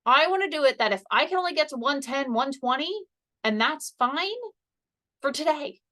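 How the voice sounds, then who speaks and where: A woman's voice: sits high, normal speed, a bit bright. A woman giving a casual, chatty health presentation from a seated position, explaining things step by step. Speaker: health educator. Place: seated indoors.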